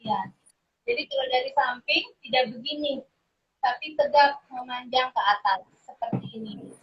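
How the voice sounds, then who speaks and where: A woman's voice: high-pitched, normal speed, breathy edge, soft background music. A woman yoga teacher patiently explaining step by step, her audio breaking up on a choppy live connection. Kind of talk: explaining on a live video chat. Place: seated on a yoga mat. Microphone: phone on a live video stream. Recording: dull lo-fi live stream audio.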